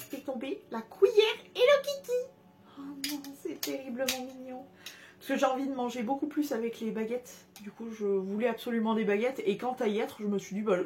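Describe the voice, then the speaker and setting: A young woman talks her way through a casual haul video, gushing over each cute find and tripping over fillers as she goes. Her voice sits a little on the high side. A faint hum of room ambience runs underneath. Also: darkish tone. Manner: gushing, chatty, many fillers and restarts. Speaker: haul vlogger.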